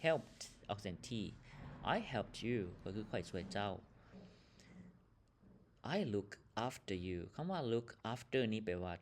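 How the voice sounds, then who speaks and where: A man's voice: on the low side, takes it slowly, long pauses, slight background noise. A man from Laos teaching an English lesson, reading each English phrase and then explaining and translating it. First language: Lao.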